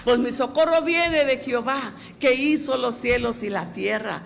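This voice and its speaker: Woman pastor, gravelly voice, chatty sermon, faint background noise. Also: on the high side, unhurried. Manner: chatty, folksy, frequent "¿verdad?".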